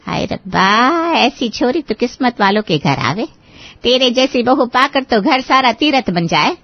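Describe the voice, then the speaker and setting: A woman voicing a chatty, flattering elderly neighbour auntie in a cartoon, with rustic turns of phrase. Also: fairly high pitch, unhurried, muffled recording. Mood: gushing.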